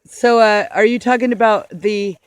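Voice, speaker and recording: A man interviewing someone in a mock documentary, asking questions in a deadpan way. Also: high voice, normal speed, clean tone, dry recording.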